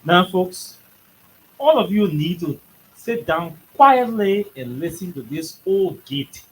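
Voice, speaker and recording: A man's voice: high voice, lively intonation, slow pace, a bit bright, low-quality recording. A man from Liberia with a Liberian English accent, hosting a radio show and mocking a played interview in sarcastic commentary. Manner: mocking, scolding, talks back at the clip.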